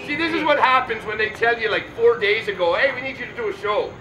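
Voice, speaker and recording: A man's voice: very high-pitched, fast talker. A man doing projected, self-mocking comedy banter in a live show on an outdoor stage. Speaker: comic stage performer at a Renaissance fair. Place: outdoor wooden stage, audience around. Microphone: distant camera in the audience. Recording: echoey distant recording with crowd noise.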